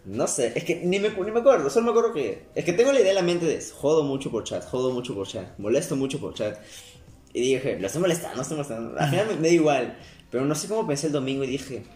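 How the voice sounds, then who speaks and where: A young man talks quickly in a loose, rambling way, breaking off and restarting his sentences. His pitch swings widely as he goes. The room sounds echoey, and faint music plays underneath. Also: expressive, a little mellow. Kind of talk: casual chat.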